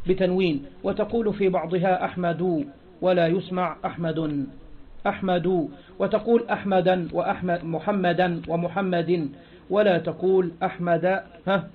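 A high-pitched Arabic grammar teacher explains a text in a classroom lecture, captured on a dull, lo-fi recording. He asks the class rhetorical questions and answers them himself, repeating key phrases and each point. Quoted passages he reads louder and more slowly.

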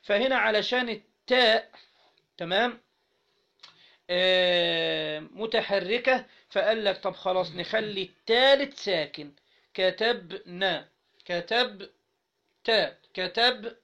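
In a dull, lo-fi recording, an Egyptian-accented man leads an Arabic grammar lesson, his voice high, animated, and sharp. He keeps putting questions to the students and spells out syllables at a slow pace.

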